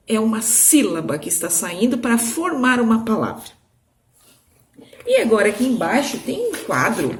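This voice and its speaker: A woman teacher gives a video lesson to young children. She talks slowly and in a sing-song way, stretches key words, and keeps checking in with "certo?" and "né?". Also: on the high side, darkish tone, slight background noise. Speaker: primary school teacher.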